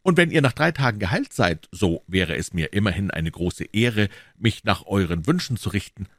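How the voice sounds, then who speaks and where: A man's voice: on the low side, expressive, moderate pace, fairly bright tone, no echo, clean studio sound. A man reading aloud, voicing a polite, brave young male swordsman in a raised voice. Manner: polite, formal.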